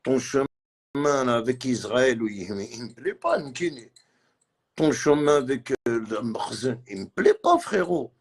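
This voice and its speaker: A man's voice: medium pitch, lively intonation, a little slow, slightly rough. A man on a live stream, ranting in a heated, repetitive way and mixing in words from other languages. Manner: agitated, repetitive, mixes French with Arabic and Kabyle. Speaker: livestreamer.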